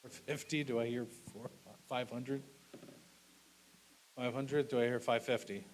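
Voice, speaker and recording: Hiss sits behind a man calling a live auction in a mid-pitched voice. He works as the auctioneer, delivering short, repetitive, clipped phrases in a courteous, businesslike routine of lots and bids. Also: fairly even intonation, a little slow. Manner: repetitive, clipped bid calls with polite thanks. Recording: clearly audible background hiss.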